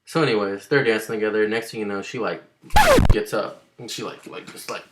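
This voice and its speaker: A man's voice: fairly low pitch, fairly even intonation, fairly quick, very noisy. A man casually telling a rambling, slangy story to the camera, full of fillers and asides.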